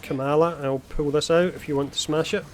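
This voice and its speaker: A man's voice: fairly high pitch, steady tone, fairly quick. Male streamer, casual and explanatory, somewhat posh delivery, faint noise under it. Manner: chatty, explanatory, self-described posh. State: had a beer. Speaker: gaming streamer. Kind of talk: casual live-stream commentary.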